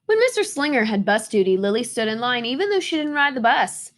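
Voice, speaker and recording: A woman reading a children's story aloud with expressive, emphatic phrasing. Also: a little high, fairly quick.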